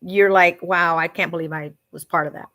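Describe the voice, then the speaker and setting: A woman's voice: on the low side, fairly even intonation, brisk. A woman hosting a community radio show, moving between English and Spanish as she introduces a call-in guest. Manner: warm-up chatter, switches between English and Spanish. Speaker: radio host.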